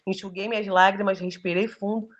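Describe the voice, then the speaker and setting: A woman's voice: mid-range voice, fairly even intonation, fairly quick, highs cut off. A woman giving an earnest, emotional personal testimony, telling her story with many fillers. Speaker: testimony giver.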